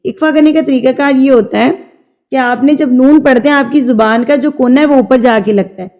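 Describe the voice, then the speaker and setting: In a tajweed lesson, a woman chants Quran verses slowly and in a drawn-out way, then explains the recitation rules quickly in between. Her voice sits high with a darkish tone, and she keeps a patient, instructional manner, repeating key terms and rule names.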